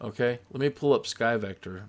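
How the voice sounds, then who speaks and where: A man's voice: mid-range voice, brisk. A man hosting a flight simulator tutorial, talking in a casual, rambling, jokey and folksy way.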